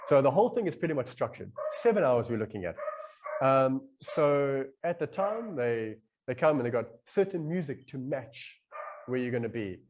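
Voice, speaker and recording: A man in a casual podcast conversation, telling a long story in a rambling, animated way and acting out his own inner voice as he goes. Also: mid-range voice, normal speed, highs cut off, a little hiss or hum.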